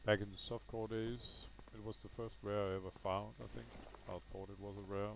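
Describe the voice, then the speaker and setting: This Danish gaming video host, a native speaker with a Danish accent, talks fairly quickly in a lowish, creaky voice with little pitch movement. Background noise is present while he thinks aloud through casual, unscripted gameplay, hesitating and correcting himself.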